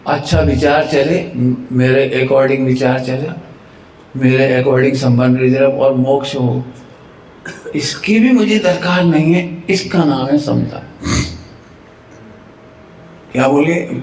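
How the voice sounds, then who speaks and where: A man giving a devotional sermon as a preacher, telling lively everyday stories, acting out little household quarrels and chuckling at his own examples. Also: medium pitch, takes it slowly, a little hiss or hum. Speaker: Jain preacher. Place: temple hall. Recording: echoey temple hall with faint ambience.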